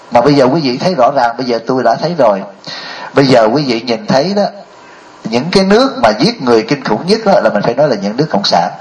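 Older monk with a slightly high voice. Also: male voice, poor audio. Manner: storytelling, often asks the audience rhetorical questions. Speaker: Buddhist monk. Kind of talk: dharma talk sermon.

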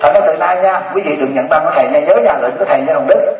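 Old monk w teasing his crowd, kinda high voice, echoey hall, far from the mic. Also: racing. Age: 70s. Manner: joking, teasing storyteller. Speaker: Buddhist monk teacher. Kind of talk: humorous dharma talk. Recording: distant, echoey, dull lo-fi hall recording. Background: audience laughter.

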